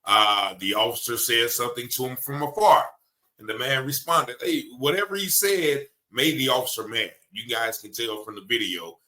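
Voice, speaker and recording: A man's voice: mid-range voice, normal speed, bright, forceful tone. A man commenting on a video in a conversational, indignant manner.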